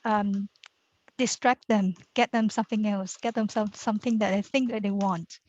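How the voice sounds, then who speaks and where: A woman speaking slightly muffled through a face mask, hesitantly, pausing mid-phrase as a participant in a group discussion. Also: mid-range voice, steady tone, darkish tone. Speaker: course participant speaking for a team. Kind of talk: group discussion in an online class. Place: office. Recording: dull, lo-fi call audio.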